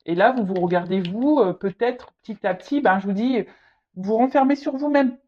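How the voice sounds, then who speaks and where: Halting woman giving a tarot reading. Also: mid-range voice. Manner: halting, repeats words, many fillers; speaks directly to the viewer. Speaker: tarot reader. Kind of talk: casual tarot reading to camera. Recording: slightly dull lo-fi audio.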